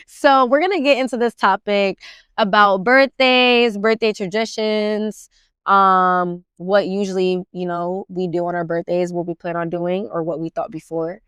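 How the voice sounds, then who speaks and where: A woman's voice: medium pitch, measured pace, a bit bright, smooth, no room sound, studio quality. A woman in her twenties hosting a casual podcast chat, rambling and filling her talk with "like". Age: 20s. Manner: rambling, heavy use of "like". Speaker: podcast host.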